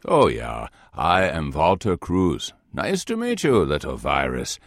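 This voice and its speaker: A man's voice: extremely low pitch, wildly swooping pitch, no echo, studio quality, full character voice. A man playing a proud, droll German microbiologist in a children's audio skit. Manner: deliberate, droll.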